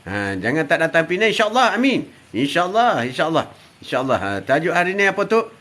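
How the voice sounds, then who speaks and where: An older man with a Malaysian Malay accent hosts a live stream, greeting his viewers one by one. He is chatty and teasing and laughs often. His voice is higher than most men's and bright, and it rises and falls widely. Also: big pitch swings, fairly quick. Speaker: live-stream host reading viewer comments. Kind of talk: casual live-stream chat.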